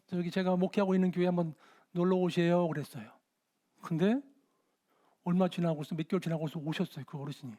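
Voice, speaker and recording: A middle-aged man preaching a sermon as a pastor, telling a story with lively acted-out dialogue. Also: high-pitched. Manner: animated storytelling, shouting out quoted dialogue. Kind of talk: sermon with dramatized anecdotes.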